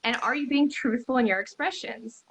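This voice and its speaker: A woman's voice: a little high, a little fast, gravelly, rough recording. A woman bodyworker, a guest in a conversational interview, speaking earnestly and with emphasis. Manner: earnest, emphatic, animated when retelling.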